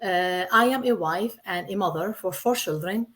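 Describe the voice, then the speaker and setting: A Syrian woman in her thirties is a guest in a casual interview, speaking earnestly in simple, non-native English and repeating herself. Her voice is medium-pitched and a bit bright, at a moderate pace.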